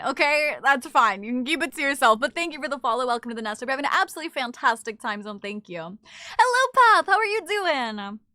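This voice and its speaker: This young streamer reads viewer comments in casual live chat, swearing freely and teasing as she goes. She has a high, pushed, bright voice, captured in a dry, studio-quality recording.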